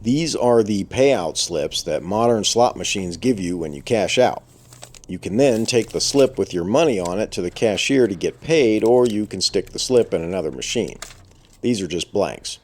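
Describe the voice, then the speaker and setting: A man's voice: lowish voice, animated, normal speed, darkish tone. A man narrating an exploration in a casual, dry way, his voice muffled by a respirator with audible breathing. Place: inside a burned abandoned hotel.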